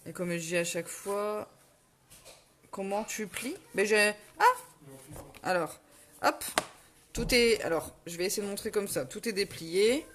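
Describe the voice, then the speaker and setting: A woman's voice: mid-range voice, a little hiss or hum. A middle-aged woman with a Ch'ti accent hosting a casual live crafting tutorial at home, chatting, self-correcting and answering viewer comments. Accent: Ch'ti (northern French). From northern France. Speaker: crafting host on a live stream.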